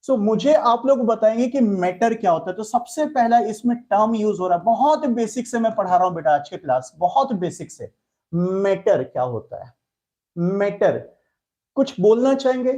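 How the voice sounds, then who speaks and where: A man's voice: sits high, mellow. A man with an Indian accent teaching a live online chemistry class, answering students' chat messages in a fatherly, reassuring way.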